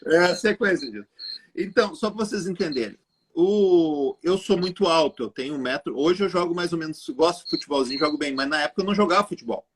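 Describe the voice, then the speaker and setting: This is a man, speaking as a guest on a live online chat. His voice sits a little high and has a husky edge. He tells his story with energy and keeps turning to address the audience directly. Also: quick pace. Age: 40s. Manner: animated storyteller addressing viewers. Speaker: guest entrepreneur.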